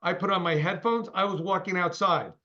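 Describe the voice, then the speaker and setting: A man's voice: sits high, steady tone, bright, forceful tone, dull audio. Emphatic sixty-something man on a call. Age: 60s. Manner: emphatic, straight-talking, fast bursts. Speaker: company CEO guest. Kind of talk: interview over a call.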